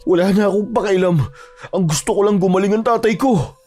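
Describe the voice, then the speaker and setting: Man voicing a frantic son in a horror audio story, highish voice, pushy and emotional, faint music behind. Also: brisk, warm tone. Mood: grieving. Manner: urgent, emotional, confrontational. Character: distraught young man desperate to save his father.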